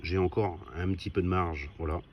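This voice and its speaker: Speaking to camera in a brisk, fairly even tone, a CB radio vlogger with a fairly low voice shows off some hobby equipment in a hands-on, casual way. His talk is down-to-earth and informal, sprinkled with "hein." The lo-fi field recording has noticeable noise behind him.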